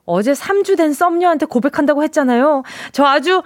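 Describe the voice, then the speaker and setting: A woman's voice: high voice, brisk, no echo. A woman hosting a live radio show, reading listener texts in a playful, chatty way from a studio microphone.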